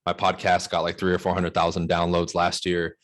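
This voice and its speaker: Talking quick and completely flat in a low, somewhat bright voice, an American real estate broker from Los Angeles in his mid-thirties gives a casual, emphatic interview. He leans on slang and keeps tossing out "right?" and "bro."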